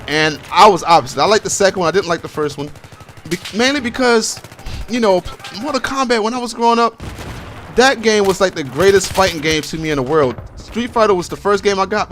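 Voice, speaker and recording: A gaming commentator from Baltimore, USA, with a high, somewhat bright voice, gives casual, rambling, slangy and opinionated commentary. It's a home voice-over with clear background noise of video game gunfire and explosions.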